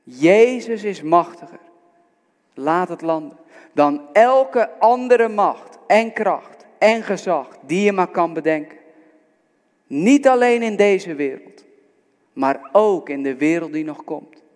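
A man's voice: sits high, lively intonation, takes it slowly, darkish tone. A man preaching a sermon, earnest and exhorting, speaking directly to his listeners. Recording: long reverb of a large hall.

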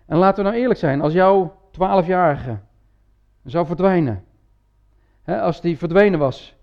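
A man with a fairly high voice preaches a sermon in a church. He talks in a conversational way, with many little tag words and restarts. The recording sounds dull and lo-fi. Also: lively intonation, a little slow. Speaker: pastor.

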